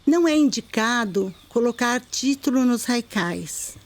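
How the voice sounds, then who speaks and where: Woman, middle-aged, Brazilian Portuguese accent, poetry teacher, video lesson, calm and measured, slightly high voice. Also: no room sound. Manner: calm, measured explanation, slowing to recite poems.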